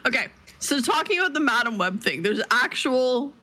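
Bright, excitable woman podcast co-host. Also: high voice, moderate pace, poor audio. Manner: laughing, excitable, trails off into restarts. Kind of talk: casual chat, reading news aloud.

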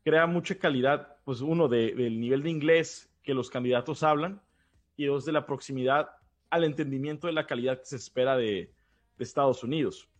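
A man's voice: medium pitch, moderate pace. A man from Baja California with a northern Mexican accent, talking casually as a podcast co-host. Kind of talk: casual conversational discussion.

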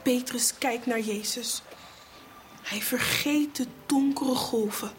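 A woman telling a Bible story to children, animated, asking them questions, voicing sound effects and dropping into whispers. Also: a little high, takes it slowly, slight background noise.

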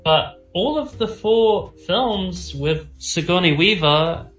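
A man talking casually about films with rambling, animated enthusiasm, as a host does. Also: high voice, slow, echoey room, low-quality recording. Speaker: film discussion host. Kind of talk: casual enthusiastic film chat.

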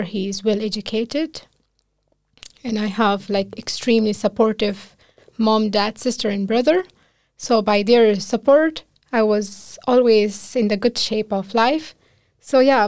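Telling emotional stories full of quoted speech and laughter, a physician guest speaks earnestly in a casual interview. She has an Afghan accent and a mid-range, slightly mellow voice, recorded dry.

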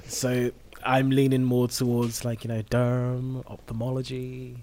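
Young man, modern British RP accent, well-spoken, medium pitch, casual podcast talk. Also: completely flat delivery, measured pace, a little mellow, slight background noise. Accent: modern Received Pronunciation, southern English. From southern England. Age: young adult. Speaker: medical student on a podcast.

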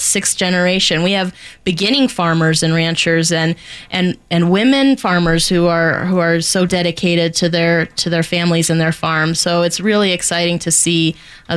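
A woman's voice: lowish voice, a bit bright, clean tone. A woman talking as a guest in a radio interview, earnest and explanatory. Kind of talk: conversational interview talk.

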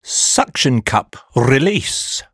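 A man announcing comic sound effects in a slow, deadpan manner before performing them. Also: mid-range voice, husky, no room sound, studio quality.

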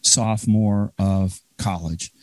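A man with a Chicago accent talks in a rambling, halting way, stacking fillers as he circles his point. His voice sits fairly low. The sound is dry and close, with no room around it. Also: steady tone, darkish tone, no echo. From Chicago area. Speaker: guest. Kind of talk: casual interview chat.

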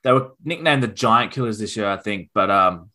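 A man's voice: fairly low pitch, normal speed. A man co-hosting a casual football podcast, thinking aloud with plenty of ums and restarts. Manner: relaxed, thinks aloud with fillers. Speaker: podcast co-host.

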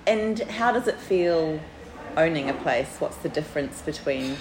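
A woman's voice: sits low, animated, a little slow. A woman with a broad New Zealand accent interviewing someone in a conversational way. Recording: echoey room with background noise.

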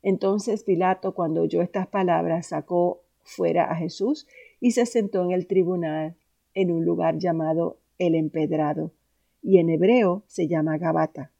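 A woman reading scripture aloud in a steady, solemn way. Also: on the low side, a little slow, gravelly. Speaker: scripture reader.

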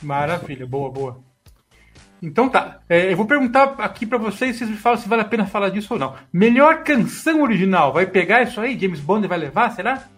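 High-voiced Brazilian man hosting a podcast. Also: very animated, fairly quick, a bit bright, slightly rough, faint music behind. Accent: Brazilian Portuguese. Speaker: podcast host. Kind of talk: casual betting podcast talk.

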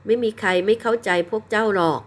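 A woman voicing a kind, wealthy young lord in a folk tale, speaking calmly and slowly. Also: medium pitch, breathy edge, pitched above the performer's own voice, lightly acted. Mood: gracious. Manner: calm, slow and gracious. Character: kind rich young lord, calm and generous.

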